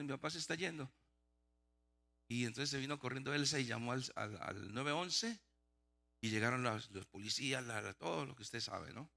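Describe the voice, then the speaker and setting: A man's voice: mid-range voice, gravelly, sharp tone. A middle-aged male pastor telling a personal testimony in a sermon, acting out the dialogue with frequent restarts. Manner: storytelling, acts out dialogue, many restarts.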